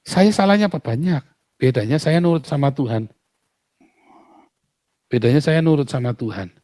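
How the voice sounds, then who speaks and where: Man, pastor, medium pitch, outspoken casual talk, emphatic with rhetorical questions, dry sound. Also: expressive, moderate pace, mellow, dry recording.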